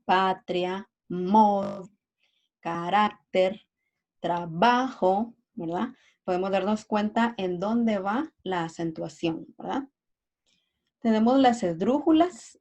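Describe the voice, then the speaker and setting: A woman's voice: mid-range voice, mellow. A woman teacher giving a review lesson, hesitant, full of fillers and tag questions.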